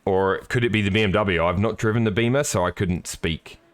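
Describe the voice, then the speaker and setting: A man's voice: lowish voice, a little fast. A man giving live, chatty sim racing commentary with jokey, apologetic asides.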